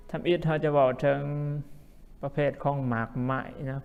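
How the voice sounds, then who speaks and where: A man's voice: medium pitch, steady tone, normal speed, clean tone, phone-quality sound. A man teaching English vocabulary as a language teacher, who repeats each word several times. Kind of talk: vocabulary lesson. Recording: long hall reverb.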